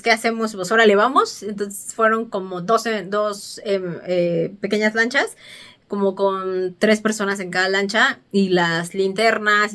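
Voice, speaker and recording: A woman's voice: medium pitch, a bit bright. A woman, casually retelling a film's story to her viewers, chatty and full of fillers and restarts. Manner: chatty, acts out dialogue, frequent fillers and restarts. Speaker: vlogger.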